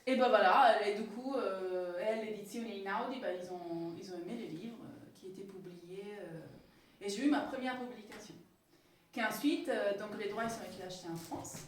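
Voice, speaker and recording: At medium pitch and a moderate pace, a woman from Italy with an Italian accent gives an author-illustrator talk that's casual and halting, full of fillers and false starts. An audience listens in a community hall, and the sound is echoey and distant.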